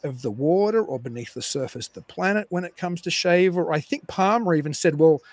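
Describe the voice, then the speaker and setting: Fast-talking man, dry close sound. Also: fairly high pitch, no room sound. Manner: animated, digressive, frequent restarts. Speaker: guest historian. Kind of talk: conversational explaining on a live show.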